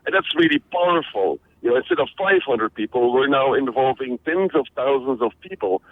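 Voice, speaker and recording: A man's voice: mid-range voice, a little fast, no room sound. A middle-aged man from Belgium answers radio interview questions with energy, stumbling and restarting as he goes. His voice sits in a middle register and comes through thin and narrow, like a phone line. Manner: energetic, many restarts and fillers. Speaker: interview guest, social media trainer. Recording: phone-like narrow band audio.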